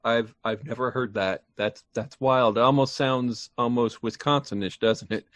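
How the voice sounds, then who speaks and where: A man co-hosting a casual interview, chatty and quick with affirmations. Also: mid-range voice, fairly even intonation, dry recording. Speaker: talk show co-host.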